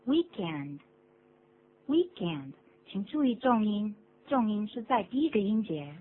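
A woman co-teaching a radio English lesson, reading model sentences clearly and repeating each. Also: mid-range voice, expressive, moderate pace. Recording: tinny phone-like radio recording with faint hum.

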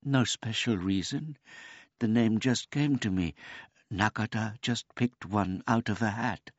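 Brief: a man putting on a gentle, simple-minded old man, polite and meek, voice raised well above his own, dull lo-fi sound. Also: fairly low pitch, unhurried, husky, no room sound, voice pushed up. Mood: earnest. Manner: talks of himself in the third person, meek and courteous.

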